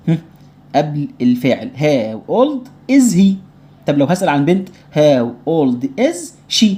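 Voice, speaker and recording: A man with an Egyptian Arabic accent teaching English to young children in an online lesson. He says each word slowly, repeats it for drilling, and keeps checking that the class follows. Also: fairly high pitch, warm tone. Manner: patient, explanatory, often asks tamam? to check understanding.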